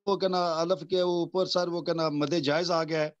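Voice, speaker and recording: A man's voice: a little high, level tone, lo-fi sound. A male student in an online tajweed class, explaining hesitantly and deferring often to his teacher.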